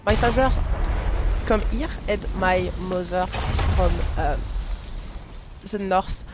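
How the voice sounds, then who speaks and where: Live streamer, casual chat while gaming, hesitant, lots of fillers and restarts, laughs often, mid-range pitch, faint background noise. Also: takes it slowly.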